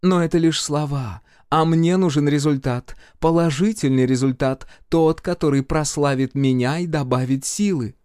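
A man's voice: on the high side, moderate pace, hardly any pauses, darkish tone, clean tone, dry recording, studio quality, voice pushed up, natural voice. A male audiobook reader voicing a haughty female goddess of dreams who speaks with contempt and sarcasm. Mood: imperious. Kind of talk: audiobook character voice.

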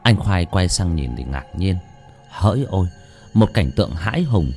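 Male horror narrator: low, dramatic, suspenseful, very expressive. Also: moderate pace, creaky. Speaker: storyteller. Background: faint music.

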